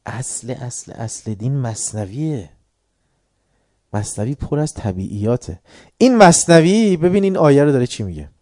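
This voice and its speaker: A man giving an informal religious class, telling stories with swings between loud and quiet, and reciting verse slowly. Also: medium pitch, very animated, no echo, studio quality. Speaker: religious lecturer.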